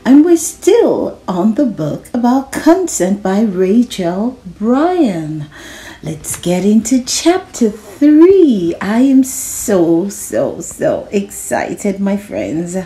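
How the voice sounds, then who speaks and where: Reading aloud to children, a woman stays animated and encouraging, talking straight to her young listeners and slipping in little check-in questions. Her mid-range voice moves extremely slowly.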